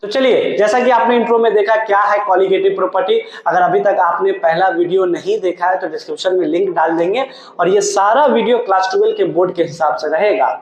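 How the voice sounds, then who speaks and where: A man's voice: high-pitched, fairly quick, muffled recording, faint music behind. A man teaching chemistry, asking questions and answering them himself. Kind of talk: classroom lecture.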